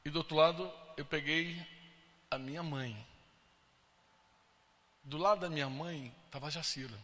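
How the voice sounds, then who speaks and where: Bright-voiced man preaching a testimony. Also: a little high, normal speed. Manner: emotional storytelling, acting out quoted voices. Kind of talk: sermon testimony. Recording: long hall reverb.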